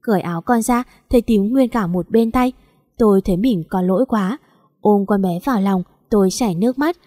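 Mellow-voiced woman narrating a story. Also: mid-range voice, brisk, dry recording, studio quality.

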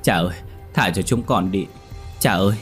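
A man's voice: sits low, normal speed, faint music behind, natural voice. A man voicing two terrified young women in a horror audio story, pleading and screaming.

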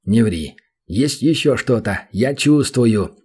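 A man's voice: mid-range voice, animated, slow, a little mellow, breathy edge. A man voicing a sly, mocking male demon hero who drawls dry, teasing remarks, in an audiobook.

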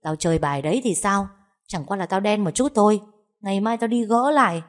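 A woman's voice: medium pitch, brisk, close to an everyday voice. A woman voicing an angry, greedy middle-aged husband and gambler who hurls crude insults in an audio story. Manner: harsh, shouting, crude insults.

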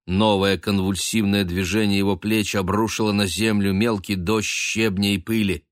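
A man narrating a literary novel in steady audiobook style. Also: lowish voice, normal speed, no room sound, studio quality.

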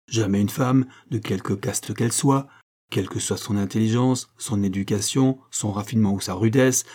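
A man's voice: mid-range voice, mellow, slightly rough, natural voice. A man reading the part of a proud, indignant Japanese baron in an audiobook, in a declaiming, oratorical manner.

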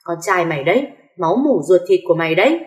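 A woman's voice: animated, fast, lightly acted. An older mother-in-law who shrieks accusations in a rage, played by a woman narrator. Her voice cuts through the echoing room. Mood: furious. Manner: shrill, accusing. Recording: echoey room.

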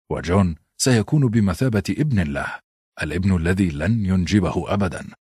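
A man narrates an audiobook with a very deep, husky voice. His reading is even and steady. The recording is close and dry. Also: dry recording. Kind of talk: scripted narration.

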